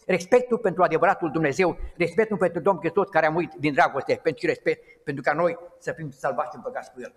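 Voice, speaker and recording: A middle-aged man giving an informal, rambling sermon in a small church, with halting restarts. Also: fairly high pitch. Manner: conversational and digressive, with halting restarts. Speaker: lay preacher. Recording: long hall reverb.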